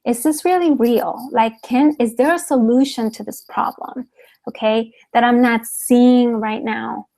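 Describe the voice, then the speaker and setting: Emphatic woman coach, higher voice. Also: fairly even intonation, unhurried, vocal fry, darkish tone. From Cuba. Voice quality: frequent "okay?" tag questions, emphatic repetition. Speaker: business coach. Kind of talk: motivational webinar talk.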